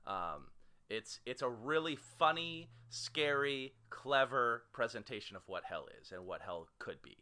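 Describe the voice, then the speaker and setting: A man co-hosting a casual podcast, recapping a show with quick asides and frequent laughter. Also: mid-range voice, expressive, pushed and bright. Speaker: podcast co-host who picks the shows. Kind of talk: casual chat.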